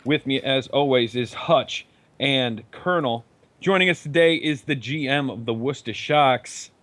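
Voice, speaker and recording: A man's voice: mid-range voice, moderate pace, a bit bright. A man hosting a casual gaming podcast, joking easily with his guests. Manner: joking, easygoing. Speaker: host.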